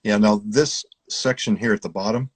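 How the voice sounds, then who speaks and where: A man's voice: fairly low pitch, normal speed, breathy edge. A man hosting a live online interview, asking questions in a chatty, friendly way. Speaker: interview host. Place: Ohio.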